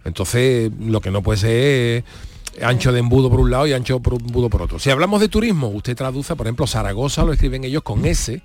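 A man's voice: medium pitch, expressive, a little fast, darkish tone. Andalusian man hosting a radio chat. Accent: Andalusian Spanish. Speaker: radio host.

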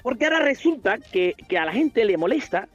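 A man performing a rapid comic monologue on radio, ranting and peppering his lines with tag questions, heard over a remote line. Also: extremely high pitch, big pitch swings, highs cut off, faint music behind. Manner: rapid joking rant, constant tag questions. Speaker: comedian guest. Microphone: remote line into the studio.

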